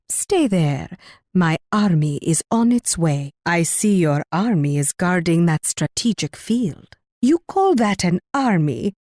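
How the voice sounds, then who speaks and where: A woman's voice: on the low side, darkish tone, no room sound, clean studio sound. An actress playing a haughty, warlike Spanish queen in a video game, delivering imperious, mocking taunts with sweetly condescending menace. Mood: scornful, defiant.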